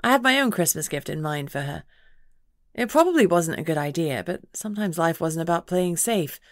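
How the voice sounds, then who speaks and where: This female audiobook narrator, fairly low-voiced, reads first-person fantasy expressively and briskly. Her recording is very dry, leaving no room sound around her.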